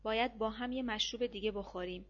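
A woman's voice: on the high side, a bit bright, dull audio. Woman voicing a tipsy army doctor. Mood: coaxing.

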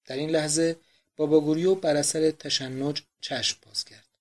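A man narrates a novel aloud in a measured, subdued manner. His voice sits fairly high. The reading stays even and unhurried.

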